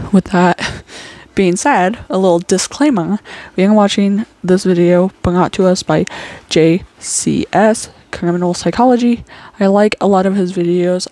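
A woman's voice: on the low side, darkish tone, no room sound. A woman with a speech impediment that turns her R's into W's, chatting casually and goofily as a reaction host. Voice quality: speech impediment, cannot pronounce R's, says w for r. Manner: goofy, informal. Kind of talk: casual chat, reacting to true crime video.

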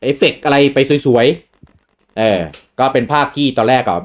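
A man hosting a casual gaming chat, relaxed and rambling with fillers and restarts. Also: medium pitch, a little slow. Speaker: host.

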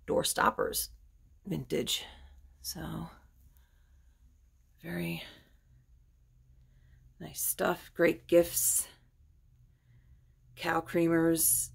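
Her voice sits low, gravelly and husky, as she walks through a packed antique shop recording on her phone. The narration is casual and chatty, full of admiration for the items, and its volume drifts as she turns the camera.

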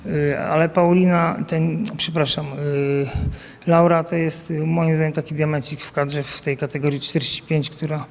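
A man in his thirties who coaches a national team is interviewed outdoors by an event banner, his answers captured on a handheld mic held by the interviewer. The voice is a little high and creaky, flat and moderately paced, with a big-room sound, and he often stumbles into fillers and restarts.

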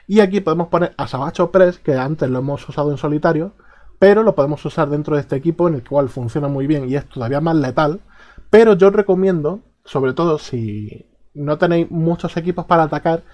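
A man with a Spain Spanish accent giving a casual explanatory guide to game teams, relaxed and hesitant, with frequent filler sounds. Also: a little high. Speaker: mobile game guide creator.

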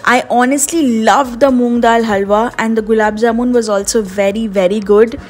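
A woman's voice: a little high, steady tone, normal speed, darkish tone. Woman narrating a food review. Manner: candid, conversational. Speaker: food vlogger host.

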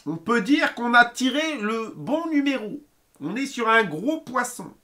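A man doing loud, excitable live commentary on a football video game, with frequent outbursts and swearing. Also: very high voice, unhurried. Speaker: gaming streamer. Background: music playing.

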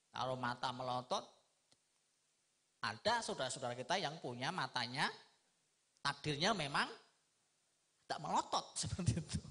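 A middle-aged man giving a lively, humorous religious lecture, asking his listeners rhetorical questions. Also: on the high side. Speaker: Islamic preacher.

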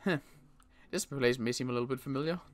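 In a Minecraft roleplay, a young man who also hosts the channel plays a weary survivor. His mid-range voice comes out in halting bursts, broken by sighs and restarts.

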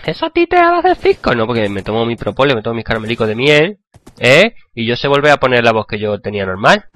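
Hoarse chatty Spanish gaming host. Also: male voice, medium pitch, huge pitch swings, fast, fairly bright tone. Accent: Spain Spanish. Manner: chatty, joking, talking to viewers while playing. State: hoarse from a cold. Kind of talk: gameplay commentary.

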